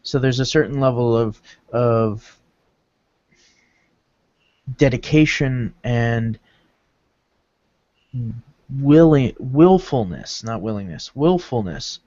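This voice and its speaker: Guy explaining stuff slow and careful, podcast, dry dull audio. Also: medium pitch, expressive, a little mellow, no echo. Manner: measured, explanatory, lecturing. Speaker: podcast co-host. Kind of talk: casual podcast discussion.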